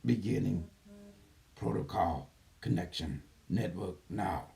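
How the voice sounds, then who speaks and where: Man voicing a gentle care robot system. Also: low-pitched, gravelly, distant mic, voice pushed down, exaggerated voice. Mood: calm, mechanical. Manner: calm, slow, flat announcements of system steps. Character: soft, slow male computer system running a healing protocol.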